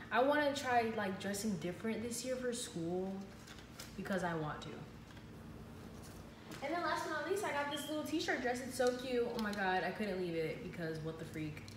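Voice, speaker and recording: A young female vlogger playfully chats her way through a clothing haul in her living room, using casual slang in a fairly high voice. The built-in camera mic sits across the room, so she sounds distant and off-mic, with echo and ambient noise around her.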